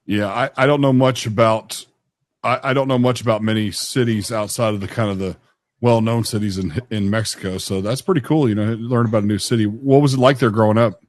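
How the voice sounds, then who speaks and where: A man's voice: on the low side, steady tone, brisk, a little mellow, no echo, clean studio sound. A man hosting a casual interview show, talking informally and in a folksy way to guest and viewers.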